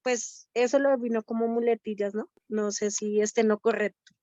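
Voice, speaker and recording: Colombian woman, participant, loud voice, somewhat high, dull dry video-call sound. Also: steady tone, normal speed, dry recording. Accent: Colombian Spanish. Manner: loud, hesitant, polite. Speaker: workshop participant. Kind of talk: casual speaking over a video call.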